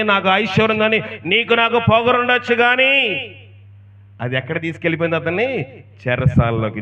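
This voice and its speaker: High, bright-voiced preacher man. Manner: rhetorical questions, storytelling. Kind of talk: emphatic sermon. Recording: distant, dull lo-fi sound.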